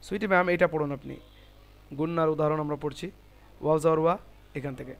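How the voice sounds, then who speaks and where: A man's voice: a little high, fairly even intonation, fast, creaky, slight background noise. A man teaching Quran recitation in an online class, explaining the rules step by step and patiently correcting his students.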